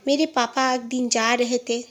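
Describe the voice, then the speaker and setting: A woman's voice: on the high side, little pitch movement, moderate pace. A woman casually telling a horror story about her father, speaking the quoted lines in her own voice and stumbling into fillers and restarts now and then.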